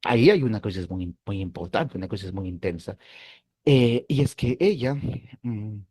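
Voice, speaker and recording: A man hosting a philosophy channel, talking through a film in a thoughtful, hesitant way, often pausing and checking in with his listeners. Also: lowish voice, animated, darkish tone, breathy edge. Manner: thoughtful, hesitant, with frequent "eh" and tag questions. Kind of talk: casual film commentary.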